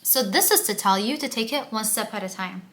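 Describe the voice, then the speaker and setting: A woman's voice: medium pitch, lively intonation, a little fast, a bit bright. A young woman talking candidly to camera in a casual confessional vlog, emotional and open, with lots of "um" and "like". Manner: candid and emotional, with frequent fillers like "um" and "like". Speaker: vlogger.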